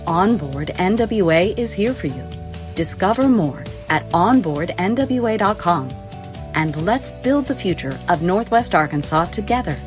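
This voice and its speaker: A woman's voice: lowish voice, lively intonation, unhurried. A woman reading a promotional spot in a polished way. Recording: promo with clear music.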